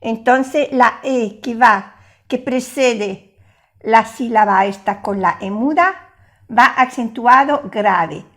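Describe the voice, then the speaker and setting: Older female teacher, slightly high voice, very slow and patient delivery. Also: fairly bright tone. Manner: patient, repeats each word slowly. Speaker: language teacher. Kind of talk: slow explanatory lesson.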